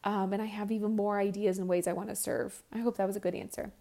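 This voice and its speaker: This podcast host, a woman in her thirties, answers listener questions solo, candid and chatty, restarting often and throwing in self-deprecating asides. She speaks fast in a dark, mid-range voice with vocal fry and little pitch movement.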